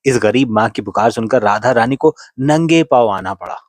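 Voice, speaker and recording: A man's voice: mid-range voice, moderate pace, no room sound. A man narrating a devotional story in an earnest, dramatic way.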